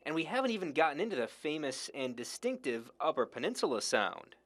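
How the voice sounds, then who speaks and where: A man's voice: on the high side, fairly quick. A man reading a scripted news report voice-over in a polished manner. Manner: lively, polished narration.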